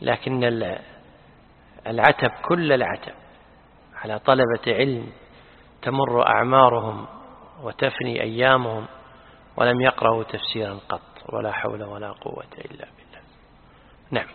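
A man teaching as a sheikh, correcting a student's reading and explaining the text in a measured way. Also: medium pitch, steady tone, gravelly, slightly rough. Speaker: sheikh teaching Quran commentary. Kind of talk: scholarly commentary in a lesson. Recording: phone-like with long reverb.

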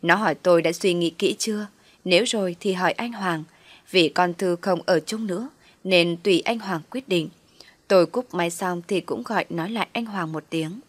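A woman narrating a first-person story in a steady, reflective way. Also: lowish voice, normal speed, no echo.

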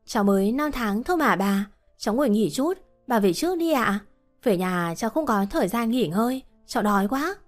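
A woman voicing a meek, polite young pregnant wife who asks gentle questions, over faint music. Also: on the high side, expressive, fairly quick, natural voice. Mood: pleading.

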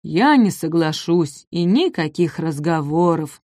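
A woman voicing a huge, apathetic male apatosaurus who speaks slowly and sighs. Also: low-pitched, animated, dark tone, no echo, studio quality. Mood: gloomy. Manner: slow, sighing, indifferent.

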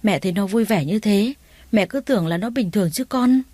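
Casting: a woman reading as an older mother-in-law, fretful and doting, slow and soothing, mellow dry tone. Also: mid-range voice, lively intonation, no room sound, lightly acted. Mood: bewildered.

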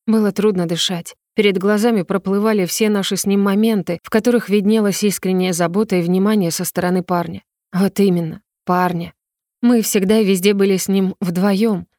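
A woman reading a story aloud in the first person as an audiobook narrator, with an emotional delivery that rises in pitch on the heroine's own lines. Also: steady tone, moderate pace, dark tone, no echo, clean studio sound.

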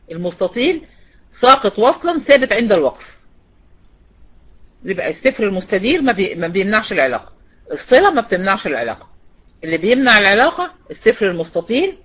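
A woman's voice: medium pitch, fairly bright tone, slightly rough. A woman with an Egyptian Arabic accent teaching a recitation class, quizzing students by name and repeating key points. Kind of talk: online class lecture.

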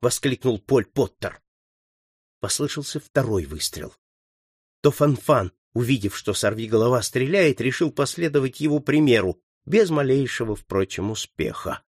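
A man narrating an adventure novel in a measured, even storytelling voice. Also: mid-range voice, slightly rough, no room sound, studio quality. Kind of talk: scripted audiobook narration.

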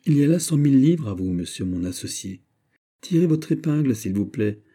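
A man's voice: medium pitch, expressive, brisk, mellow, voice pushed up, close to an everyday voice. A man doing D'Artagnan, a swaggering musketeer. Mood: commanding, jubilant. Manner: exclamatory, commanding, swears "mordieu". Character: bold swaggering musketeer captain, middle-aged man.

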